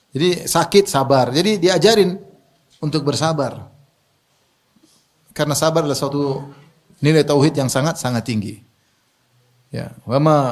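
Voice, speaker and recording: A man preaching a sermon in a lively, joking way, asking the audience questions and laughing at his own remarks. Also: medium pitch. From Indonesia.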